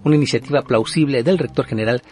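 A man hosting a broadcast interview show, speaking in a measured, formal presenter manner. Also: mid-range voice, a little mellow. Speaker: radio show host.

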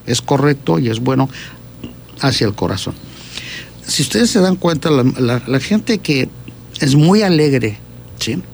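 A man with a gravelly, creaky voice pitched in the middle range. He explains diet and health habits in a conversational way, repeating words and often adding a questioning "¿sí?". A faint noise sits under his voice. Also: animated, measured pace, long pauses, darkish tone. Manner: keeps checking in with a questioning "¿sí?"; repeats words while gathering thoughts.

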